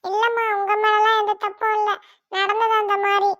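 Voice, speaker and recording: A newly married young bride in an amateur family drama, played by a woman, talking in a very high voice. She chats and teases in a playful, easy way. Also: level tone, normal speed, a bit bright. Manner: chatty, playful. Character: young bride, emotional and teasing.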